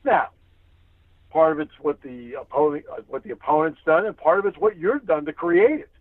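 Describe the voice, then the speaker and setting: A radio play-by-play sports announcer joins an interview as a guest, offering conversational analysis emphatically and repeating phrases for emphasis. His voice is on the high side at a moderate pace, heard over a tinny, narrow, phone-like line without echo.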